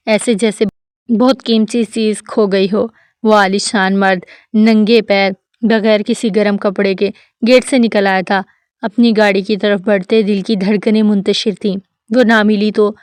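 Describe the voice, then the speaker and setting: Woman narrator, smooth clear voice, dry close sound, steady novel reading. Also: mid-range voice, no room sound. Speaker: novel reader. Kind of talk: scripted narration of a romance novel.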